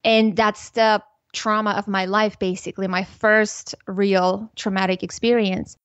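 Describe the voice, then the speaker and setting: A woman, a guest on a podcast, speaking in an earnest, measured, thoughtful way. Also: mid-range voice, level tone, clean tone, no echo. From Armenia. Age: 40s. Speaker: podcast guest, parenting educator. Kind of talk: reflective interview talk. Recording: slightly muffled dry recording.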